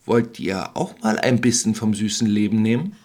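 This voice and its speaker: Storybook witch, sly and sweet-talking, husky tone, read by a man. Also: fairly low pitch, normal speed, darkish tone. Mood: coaxing. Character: scheming fairy-tale witch, older woman.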